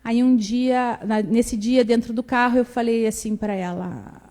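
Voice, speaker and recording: A young woman giving a lively personal faith testimony, acting out the dialogue as she tells it. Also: a little high, measured pace. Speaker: church testimony speaker. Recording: reverberant hall.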